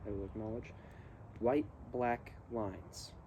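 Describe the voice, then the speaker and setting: A man reading poems aloud and musing on them in halting short phrases while he smokes a cigar. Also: fairly low pitch, fairly even intonation, warm tone. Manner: smoking a cigar while talking. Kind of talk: slow, musing poetry reading with casual asides. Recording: faint ambient background noise.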